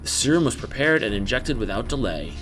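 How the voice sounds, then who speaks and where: A man's voice: medium pitch, very animated, fairly quick, a bit bright, faint music behind. A man voicing a solemn female bounty hunter narrating game story, in stilted amateur bad acting. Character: solemn female space bounty hunter recounting her past.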